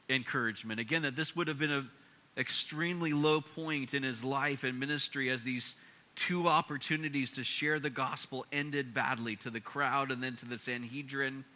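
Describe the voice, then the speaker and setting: A male pastor preaching a verse-by-verse sermon, telling the story in a casual, conversational way with frequent restarts. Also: medium pitch. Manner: conversational, many restarts, animated retelling. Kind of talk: expository sermon.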